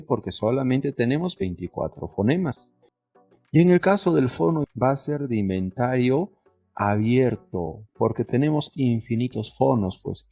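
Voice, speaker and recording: A man's voice: medium pitch, darkish tone. A male teacher giving a lesson, asking the class questions and answering them himself, with lots of diminutives.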